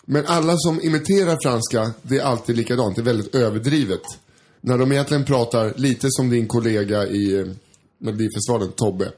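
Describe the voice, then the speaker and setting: A man's voice: mid-range voice, darkish tone. A man in casual podcast chat, playful and joking, slipping into mock accents. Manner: playful, puts on mock French-accented English.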